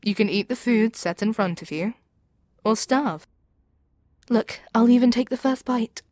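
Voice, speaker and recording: Voicing a proud, seductive demon queen who brainwashes her captive hero, a woman in an ASMR audio roleplay speaks imperiously, persuasively and theatrically, in a commanding, taunting mood. Her pitch is fairly high and a little mellow, unhurried, with no echo and near her everyday voice.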